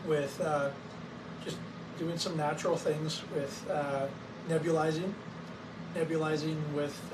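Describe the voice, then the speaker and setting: Still hoarse from a cold, this clinic owner gives an informal educational chat to camera about his wellness clinic's gear. His voice is a bit high, and he keeps pausing on fillers and coughing between sentences. A distant mic captures him along with clear, steady background noise.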